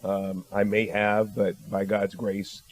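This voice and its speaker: A man answering questions as a guest on a panel discussion. He speaks in a measured, thoughtful way, with frequent ums and uhs. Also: fairly low pitch, flat delivery. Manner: measured and thoughtful, with many fillers.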